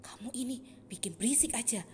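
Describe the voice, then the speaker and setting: A woman voicing an impatient crowd of townspeople in a children's Bible story, hushing and scolding sharply. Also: fairly high pitch, a little fast, a little hiss or hum, close to an everyday voice.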